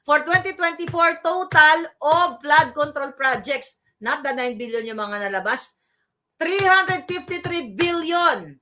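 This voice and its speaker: Bright, high-voiced Filipina commentator. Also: female voice, slow pace. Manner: animated, scolding, mixes Tagalog with English, asks "di ba?" often. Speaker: political commentary vlogger. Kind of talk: casual political commentary.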